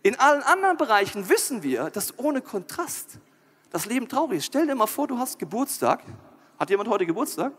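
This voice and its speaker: A male pastor preaching a lively, joking sermon and talking directly to the crowd. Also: very high-pitched, fairly quick, husky.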